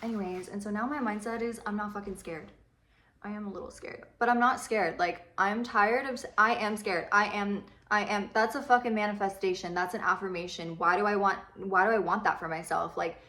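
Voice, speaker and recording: Young female beauty vlogger, mid-pitch, chatty and rambling, slightly echoey room. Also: fairly even intonation, fairly quick, a bit bright. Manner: rambling, chatty, swears casually. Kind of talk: casual chat while doing makeup. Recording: roomy echo.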